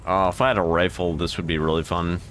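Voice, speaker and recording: A man giving casual gameplay commentary as a streamer, thinking aloud in a relaxed way and swearing now and then. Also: sits low, quick pace, a little hiss or hum.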